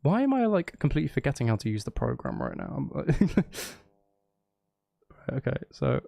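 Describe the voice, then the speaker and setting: This man's medium-pitched voice swings widely in pitch, with vocal fry and a mellow quality, at a moderate pace in a dry recording. He's livestreaming music-making, chatting casually while recording drums, hesitant and apologetic, often interrupting himself, with drums and music behind him.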